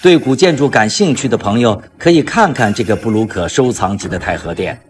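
A man's voice: on the low side, animated, fairly quick. A man presenting in a conversational, explanatory storytelling style, posing questions as he explains. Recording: music under the voice. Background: background music.

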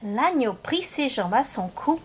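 A woman reading a picture book aloud to children, with slow, clear storytelling. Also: high-pitched, big pitch swings, a little mellow, slight background noise. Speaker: storybook reader. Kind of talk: children's read-aloud narration.

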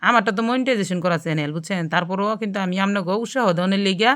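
A woman with a broad Gazipur regional accent talks her viewers through a home cooking vlog at a quick clip. Her voice is crisp and clean, and she keeps checking in with the people watching. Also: mid-range voice, a bit bright. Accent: Gazipur regional Bangladeshi Bengali. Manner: chatty, talks straight to viewers with frequent check-ins. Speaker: cooking channel host. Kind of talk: casual cooking vlog narration.

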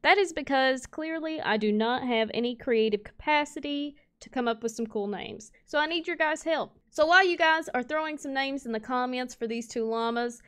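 A woman's voice: high voice, moderate pace, hardly any pauses, fairly bright tone, clean tone. Chatty young woman gaming host. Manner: chatty, talks to cows and viewers, playful exclamations. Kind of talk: casual let's play commentary.

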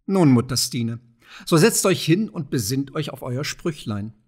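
A man's voice: mid-range voice, animated, unhurried, darkish tone, husky. A man voicing a fat, proud, wealthy old farmer who talks in a blustering, mocking way.

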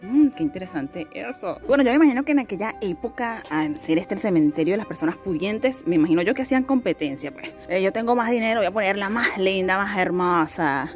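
A woman's voice: mid-range voice, expressive, brisk, few pauses, faint music behind. A woman vlogging as she tours an outdoor cemetery, chatty and exclamatory, wondering aloud about what she sees. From Venezuela. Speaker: travel vlogger. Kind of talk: casual tour commentary.

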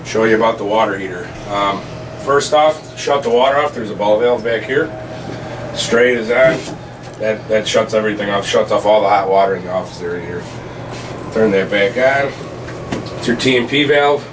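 Recorded on a far-off camera mic amid air conditioning noise, a plain-spoken plumber gives a casual training walkthrough, explaining things step by step in the indoor utility rooms of a commercial building. His male voice is fairly low and his speed normal.

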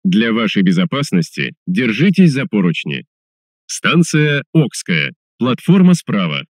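A man making recorded subway announcements as a train announcer, formal, measured and clearly enunciated. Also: lowish voice, big pitch swings, no echo, studio quality.

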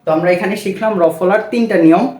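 High-voiced man teaching letters slowly. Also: a little mellow. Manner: slow, repetitive drilling with rhetorical questions. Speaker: Bengali language teacher. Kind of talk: classroom lesson, spelling out words. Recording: roomy echo.

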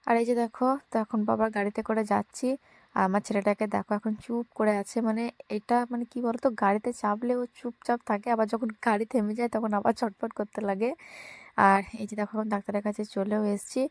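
A woman's voice: medium pitch, level tone, fast talker, a little mellow, no echo. A young woman from Bengal narrating a casual daily vlog, chatting to her viewers as friends with many fillers. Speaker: vlogger.

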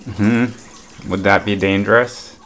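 A father at the breakfast table at home, gently asking his children encouraging questions, picked up by a home video camera on the table. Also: on the low side, steady tone, slow. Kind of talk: casual family chat.

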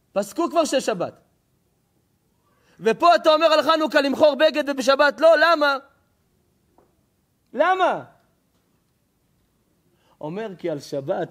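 A man with a fairly high voice preaches a Torah lesson as a storyteller. He quizzes his listeners and answers his own questions. He moves from ringing exclamations to quiet, low asides. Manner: swings between loud exclaiming and hushed low asides; asks the audience questions and answers them himself. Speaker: rabbi giving a Torah lesson. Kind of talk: lively storytelling sermon.

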